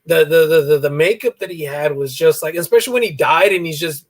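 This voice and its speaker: A man's voice: on the high side, quick pace, dry recording. A man chatting casually on a live video call, rambling and searching for words. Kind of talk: casual chat.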